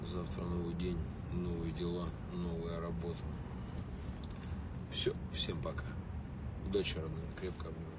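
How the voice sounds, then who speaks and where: A man's voice: low voice, completely flat delivery, normal speed, long pauses. A man in his late thirties chatting casually with fans on a livestream from inside a car in city traffic, greeting viewers by name. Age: late 30s. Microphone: phone held or mounted at arm's length. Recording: distant phone mic with street noise.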